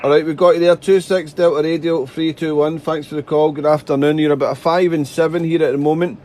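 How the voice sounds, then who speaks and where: Higher-pitched man working the radio. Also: steady tone, fast talker, darkish tone, slight background noise. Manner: chatty, repetitive, polite, spells out callsigns phonetically. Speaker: amateur radio operator, live streamer. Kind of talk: radio contact chat and callsign callouts. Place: radio desk indoors.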